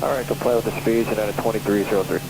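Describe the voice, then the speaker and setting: A man's voice: on the low side, very fast, creaky, a little mellow. A man as an airline pilot giving clipped readbacks over a pilot headset radio. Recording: noisy aviation radio transmission.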